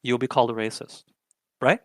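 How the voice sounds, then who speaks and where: This young political commentary host argues his views emphatically, peppering them with rhetorical questions. His mid-range voice is a bit bright, steady, and a little fast, with no echo.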